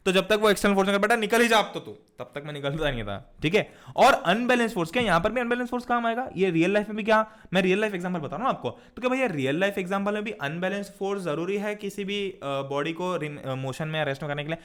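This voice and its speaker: High-voiced man teaching physics lively. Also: clear, resonant tone. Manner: explains in a mix of Hindi and English, with everyday stories and rhetorical questions; reads definitions slowly and deliberately. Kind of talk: lively classroom lecture.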